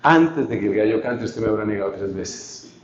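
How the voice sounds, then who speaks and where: A calm master rebuking a disciple, rising sharply and then dropping low, as a preacher puts him on. The voice sits in an echoey hall with a muffled sound and an audience behind. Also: male voice, normal speed, natural voice.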